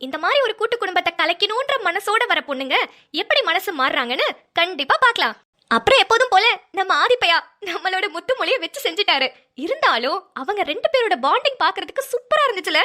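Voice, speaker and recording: A woman's voice: very high voice, big pitch swings, quick pace, pushed and bright. A woman hosting a cartoon channel, giving a chatty, upbeat outro to viewers.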